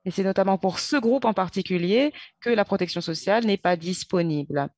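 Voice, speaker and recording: A woman gives simultaneous interpretation of conference speeches, halting as she goes, pausing and correcting herself. Her voice is medium in pitch with a darkish tone, and there is no room sound.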